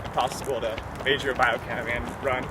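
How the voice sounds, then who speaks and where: A young American man in his twenties answers interview questions casually while running, in halting phrases. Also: medium pitch, level tone, heavy background noise. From Ohio, United States. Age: 20s. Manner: talking while running outdoors. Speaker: professional runner being interviewed. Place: outdoors, on the move. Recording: outdoor, distant mic under loud music.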